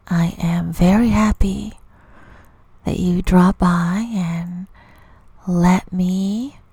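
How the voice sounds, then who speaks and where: A woman speaks very slowly in a husky, gravelly voice, low and mellow in tone. Her delivery is intimate, and she often slips into soft whispers. The sound is close and dry. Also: no echo. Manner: intimate, slow, drifting into whispers. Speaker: advertiser. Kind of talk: recorded phone-line ad.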